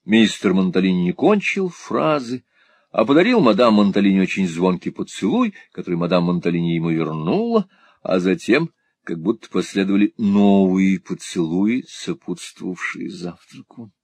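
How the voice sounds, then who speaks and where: A man reading a classic novel aloud as an audiobook narrator, telling the story in a lively, expressive way. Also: low-pitched, moderate pace, slightly rough, dry recording. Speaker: audiobook reader. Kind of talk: scripted narration.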